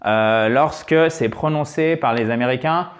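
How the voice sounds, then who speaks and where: Patient online English teacher, a native French speaker with a mid-range voice who models phrases slowly. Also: medium pitch. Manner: explains patiently, checks with frequent "ok?". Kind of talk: online language lesson.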